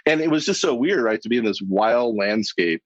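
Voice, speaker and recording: A middle-aged man, a podcast guest, telling lively anecdotes in conversation and laughing as he goes. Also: mid-range voice, a little fast, no echo. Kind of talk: storytelling in a podcast interview. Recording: dull lo-fi sound, dry.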